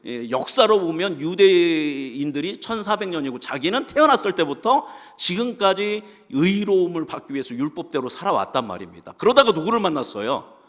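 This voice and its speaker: A man's voice: on the high side, fairly bright tone. Pastor guy giving a sermon, bouncy up-and-down voice, long echo in the sanctuary. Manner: asks the congregation questions and answers them himself. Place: church sanctuary. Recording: long reverb of a church hall.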